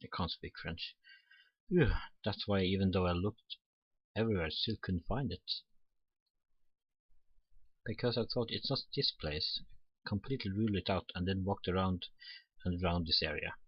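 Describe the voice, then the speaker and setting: A let's player reads a game's story text aloud on his channel, tossing in casual asides. His low-pitched male voice moves at a moderate pace with frequent pauses and slight roughness. The highs are cut off, and the roomy recording carries faint music behind him.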